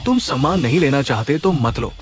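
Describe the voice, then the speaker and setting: A man's voice: medium pitch, lively intonation, brisk, soft background music, close to an everyday voice. An actor playing a greedy, scheming uncle who mocks and threatens his niece, in a dubbed drama. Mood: sneering. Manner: mocking, contemptuous. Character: sneering greedy middle-aged uncle villain. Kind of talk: Hindi-dubbed drama acting.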